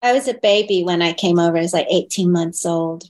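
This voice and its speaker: A woman born in Hong Kong and raised in the United States, a guest in an interview, speaking thoughtfully with pauses and restarts and lifting her voice when she quotes others. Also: lowish voice, a little mellow. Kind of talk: reflective personal interview.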